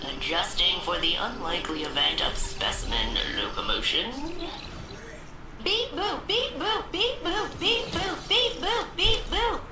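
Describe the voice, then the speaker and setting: A woman's voice: high voice, animated, unhurried. An actress voicing a perky female ship AI that chirps beep boop aloud in a sing-song while it scans. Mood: scanning. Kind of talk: video game voice acting. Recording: roomy game audio over loud music.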